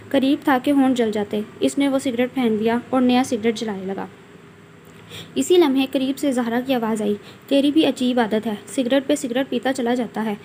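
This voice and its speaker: A woman reading a novel aloud, narrating in a steady storytelling manner. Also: on the high side, slight background noise.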